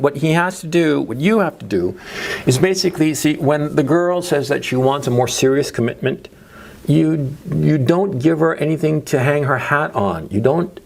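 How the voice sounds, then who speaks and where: A middle-aged male dating coach whose first language is Spanish lectures in a rambling monologue, hammering points home by repetition and rhetorical questions. His voice sits somewhat high for a man, with a gravelly, creaky edge and a very animated pitch. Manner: rhetorical questions, frequent "right?" and "okay?" tag checks; repeats himself for emphasis. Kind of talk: monologue giving dating advice.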